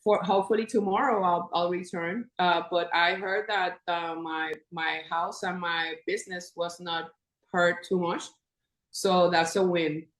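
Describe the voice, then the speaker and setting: A woman in her fifties from Puerto Rico, a podcast guest in casual conversation, animated and laughing often as she talks. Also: on the low side, a little slow. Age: 50s. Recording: echoey room.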